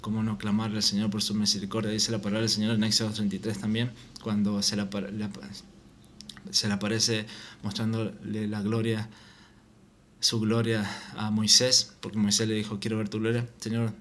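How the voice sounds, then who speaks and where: A man giving an informal Bible teaching, reading scripture aloud and often halting and repeating words. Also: lowish voice, completely flat delivery, a bit bright, a little hiss or hum. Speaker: preacher.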